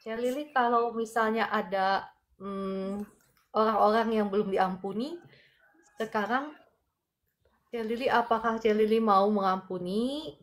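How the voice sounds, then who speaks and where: A woman's voice: mid-range voice, unhurried, long pauses. Woman praying fervently on a livestream. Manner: fervent, repetitive prayer chanting with soft asides. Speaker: livestream prayer minister. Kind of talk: live-streamed healing prayer. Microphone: phone for a live stream.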